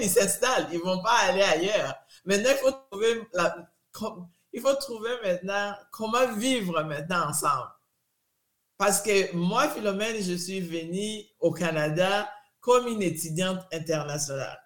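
A middle-aged woman from Congo with a Congolese French accent answering interview questions in a deliberate, emphatic way, often restarting and repeating words. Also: on the low side. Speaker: interviewee, immigrant community advocate. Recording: roomy echo.

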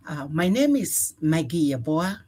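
A woman in her sixties from Ghana, answering radio interview questions in an earnest, measured way with frequent fillers. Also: sits low, very animated, a little mellow, husky. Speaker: executive director, guest.

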